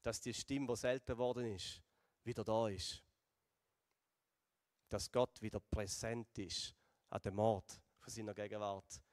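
A man with a Swiss German accent preaching a sermon and retelling a Bible story, slowing and going softer for emphasis. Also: on the low side, fairly even intonation, no echo, studio quality, big-room sound. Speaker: pastor.

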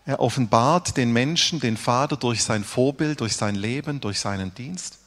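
A man preaching a sermon earnestly, rising for emphasis and dropping to hushed, dramatic lines. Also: mid-range voice, moderate pace, long reverb tail. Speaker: pastor.

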